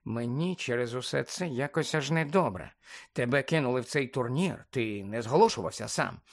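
A man reading aloud voicing an eager middle-aged male sports official who hesitates and fills pauses with ums. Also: medium pitch, lively intonation. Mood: wheedling. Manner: hesitant, wheedling, full of ums.

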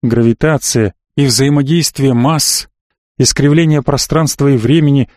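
A man narrating a novel as an audiobook, in a measured, even storytelling manner. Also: medium pitch, no echo, clean studio sound. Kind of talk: scripted narration.

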